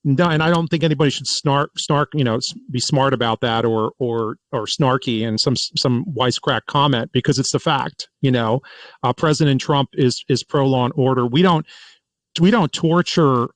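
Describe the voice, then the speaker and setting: A man hosting a political podcast in casual commentary, talking in an animated way and often restarting and repeating words. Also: mid-range voice, normal speed, no echo, low-quality recording. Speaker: podcast host.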